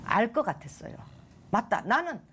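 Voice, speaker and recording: A woman's voice: a little high, very animated, normal speed, background noise. An older woman, a guest on a television talk show, giving an emotional personal faith testimony that rises and falls dramatically. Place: TV studio.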